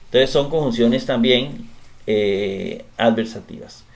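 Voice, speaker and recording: A man giving a recorded grammar class, explaining step by step, often pausing with "eh" and checking in with "¿verdad?". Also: mid-range voice, gravelly. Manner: explanatory, repeats tag question "¿verdad?", frequent hesitations. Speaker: grammar teacher.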